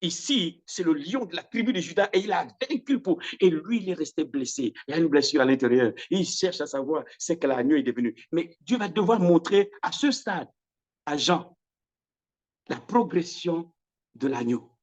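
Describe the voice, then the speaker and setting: A man's voice: animated, normal speed. A man preaching a sermon with great passion, his voice rising and falling sharply, often repeating phrases and stumbling into restarts. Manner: impassioned preaching with big swings in pitch and loudness.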